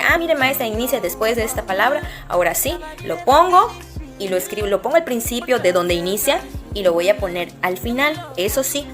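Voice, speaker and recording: Patient Mexican woman teaching, music behind. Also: mid-range voice. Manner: patient, explaining step by step. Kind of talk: classroom lesson. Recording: music playing behind her.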